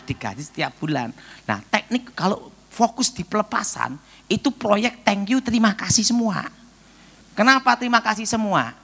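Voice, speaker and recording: Pastor guy preaching, husky and bright, pitch swings all over, jokey storyteller. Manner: animated storytelling, joking asides, sudden loud bursts. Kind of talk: sermon.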